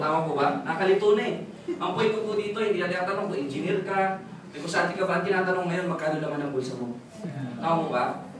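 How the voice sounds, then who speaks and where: Young male seminar speaker, high voice, quick jokey delivery; caught from far off in a boomy hall. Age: 20s. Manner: jokey storytelling, keeps asking the crowd "right?". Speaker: testimonial speaker at a business seminar. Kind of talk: lively motivational testimony to an audience. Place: large echoey seminar hall with audience. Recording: very echoey hall, far off, noisy.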